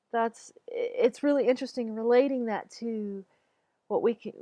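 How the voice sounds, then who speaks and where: A woman talking slowly and haltingly about the loss of her pet, teary at times. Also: fairly high pitch, a little mellow, no room sound. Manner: slow, halting, searching for words. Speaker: animal communicator. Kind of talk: personal talk to camera.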